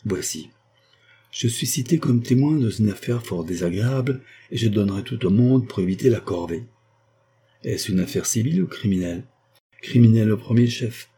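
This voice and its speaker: A man reading a novel aloud as an audiobook narrator, giving the dialogue only small lifts in pitch and little change of voice. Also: mellow, slight background noise.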